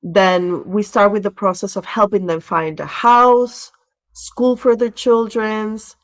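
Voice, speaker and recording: Speaking slowly in a mid-range voice, a Venezuelan woman answers interview questions as a podcast guest. She's a relocation director, and her conversational replies involve storytelling and explaining.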